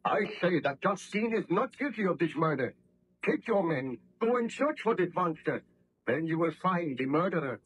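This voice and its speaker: An actor playing a guilt-ridden, commanding baron scientist in a formal, declamatory 1930s radio drama style. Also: male voice, fairly high pitch, big pitch swings, normal speed, husky. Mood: commanding, stern. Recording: muffled old radio drama recording.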